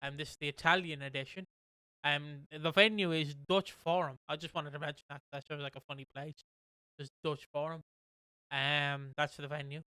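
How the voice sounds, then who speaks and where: A man's voice: fairly high pitch, fairly even intonation, moderate pace, pushed and bright, smooth, dry recording. A man hosting a casual podcast, rambling along with lots of fillers and restarts. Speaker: podcast host.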